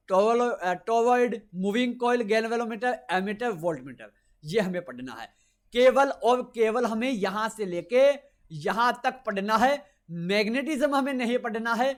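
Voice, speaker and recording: Man, very high-pitched, physics teacher, emphatic, repetitive, exam-prep lecture. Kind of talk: exam-prep lecture over screen notes.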